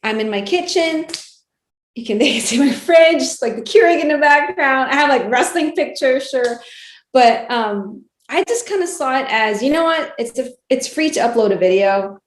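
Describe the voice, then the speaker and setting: A woman's voice: high voice, animated, normal speed. A woman chatting casually as an interview guest, giggly and often saying "like" and "you know". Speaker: guest, wrestling ring announcer and reporter. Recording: roomy, echoey sound.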